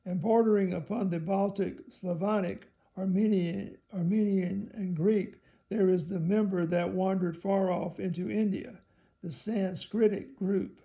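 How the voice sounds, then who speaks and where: A man reading a theology text aloud in a measured way, spelling out some words letter by letter. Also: high voice, steady tone, dull audio.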